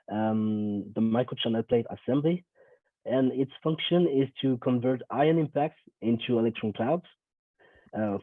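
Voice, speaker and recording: A man's voice: medium pitch, no echo. A young man with a cold presents a technical talk, stopping and restarting often with many ums. His voice comes from a screen recording of a video call. It sounds thin and phone-like, and the sound is completely dry. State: has a cold. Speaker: conference presenter.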